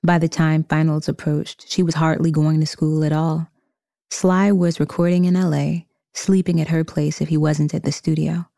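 A woman reading a scripted story narration in a measured storytelling manner. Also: deep voice, little pitch movement, gravelly, warm tone, dry recording, clean studio sound.

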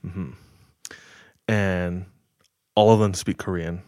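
Slow, low-voiced man telling a story. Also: steady tone, a little mellow, no echo, studio quality. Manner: measured, retelling with filler words. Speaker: podcast host telling a story. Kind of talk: casual storytelling chat.

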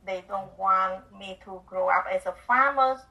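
An older woman from Cambodia recounts her past in an interview with earnest, simple phrasing and small slips of grammar. Her voice is bright and clear. She sits a little away from the microphone. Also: medium pitch, measured pace, distant mic, dull audio. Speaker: guest, author and speaker. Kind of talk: telling her life story in an interview.

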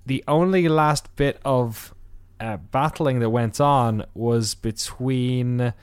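A man with a smooth, resonant voice, recorded close and dry, recaps a race in casual podcast chat. He rambles and restarts, filling gaps with "uh" and "um". Now and then he drops in a wry aside. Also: medium pitch, slow pace, dry recording. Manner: rambling with many fillers and restarts. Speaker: podcast host.

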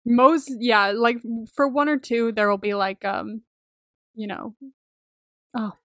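A young woman co-hosting a podcast, chatting casually and excitably, gushing, swearing freely and rambling with lots of "like". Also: fairly high pitch, slow pace, no echo, clean studio sound. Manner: rambling, peppered with "like". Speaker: podcast co-host. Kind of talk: casual chat about a TV series.

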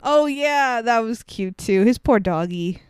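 Laughing young woman, crisp clear voice. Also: on the high side, a little slow, no room sound. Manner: laughs often, animated, bursts into silly put-on voices. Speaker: podcast co-host. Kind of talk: casual movie review chat.

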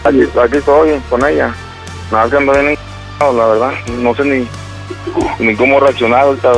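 A man's voice: mid-range voice, steady tone, soft background music. A Mexican man playing an upset husband in a prank phone call, hesitant and full of restarts. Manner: halting, hesitant, restarts a lot. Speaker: prank caller, radio host.

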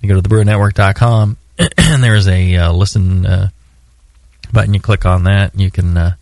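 Deep-voiced and a little mellow, this homebrewing podcast co-host speaks at a moderate pace in studio-quality audio with no room sound. It's casual podcast chat, rambling and loose, full of fillers and occasional teasing.

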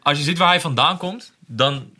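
A man's voice: a little high, moderate pace, sharp tone. A man on a casual podcast who asks the others questions and steers the talk. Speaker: podcast co-host.

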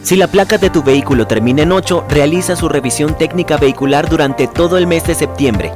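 A man's voice: a little high, fairly quick. Instructive male announcer over music. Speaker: public service announcer. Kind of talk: scripted announcement.

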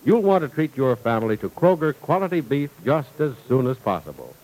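Male old radio announcer, animated pitch, polished scripted selling, vintage broadcast recording. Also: a little fast, rough recording.

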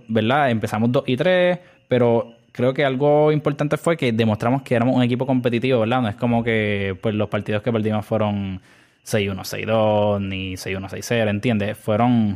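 Young puerto rican guy rambling on his podcast, lots of fillers, drops in english words, voice not high not low. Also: darkish tone. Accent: Puerto Rican Spanish. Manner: chatty, filler-heavy, mixes in English words. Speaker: podcast host. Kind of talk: casual podcast monologue.

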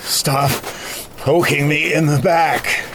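Man acting an exhausted, irritable older boss, slow-spoken. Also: fairly high pitch, fairly even intonation, noisy background. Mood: annoyed. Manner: halting, faltering, annoyed. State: weak, exhausted. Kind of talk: dramatic audio fiction acting.

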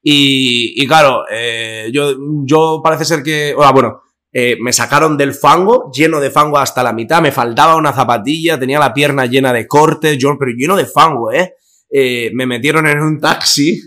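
A man's voice: medium pitch, normal speed, sharp tone. Young man telling stories. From Spain. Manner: storytelling, many fillers and acted quotes. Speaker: guest. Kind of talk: casual chat.

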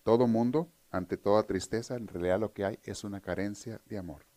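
A man's voice: on the low side, fairly quick, warm tone. Earnest preacher man. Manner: earnest, teaching, addresses listeners directly. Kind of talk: sermon.

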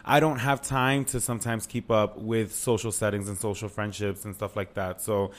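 A man's voice: lowish voice, little pitch movement, normal speed. Guy podcast host just chatting, super candid, slangy, swears a lot. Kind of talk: casual chatty podcast talk.

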